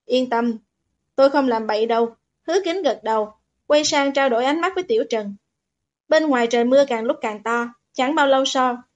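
A woman reads a romance novel aloud in a bright, high voice. Her narration is steady and even, the plain pacing of a scripted audiobook. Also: highs cut off.

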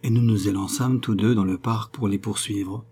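A man reading a novel aloud in steady, measured narration. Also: lowish voice, husky. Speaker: audiobook reader. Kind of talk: scripted narration.

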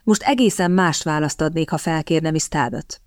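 Audiobook: a woman voicing a guarded, wry gentleman, measured delivery, dry sound. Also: low voice, no room sound, natural voice.

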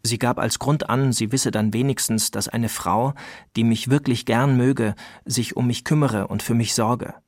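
A man reading a letter aloud in a deep, troubled, hesitant way. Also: steady tone, moderate pace, no echo, studio quality. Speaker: reader of a letter.

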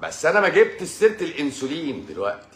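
A man's voice: a little high, wildly swooping pitch, fast. A man with an Egyptian accent, a doctor giving an informal live-stream health talk, emphatic and repetitive and addressing the listener directly. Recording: roomy echo, faint background noise.

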